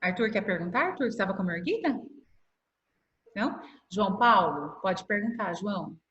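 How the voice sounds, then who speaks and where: Patient Brazilian teacher on an echoey call. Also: female voice, medium pitch, lively intonation, fairly bright tone, lo-fi sound, a little hiss or hum. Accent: Brazilian Portuguese. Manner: patient, stretches words slowly to spell them out. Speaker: primary school teacher. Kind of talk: online class explanation. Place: home room on a video call. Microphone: laptop mic on video call. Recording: echoey video-call audio.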